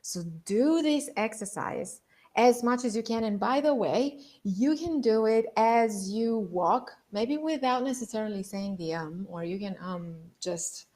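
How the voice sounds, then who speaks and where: A woman's voice: on the high side, animated, a little slow, a little mellow. A woman giving an instructional lesson as a voice and public-speaking coach, explaining with emphasis on key words.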